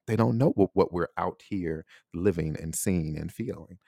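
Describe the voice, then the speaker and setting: Deep-voiced man musing on a podcast. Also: moderate pace, gravelly, mellow, no room sound, clean studio sound. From United States. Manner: reflective, conversational, frequent rhetorical "right?". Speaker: podcast host. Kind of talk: solo podcast monologue.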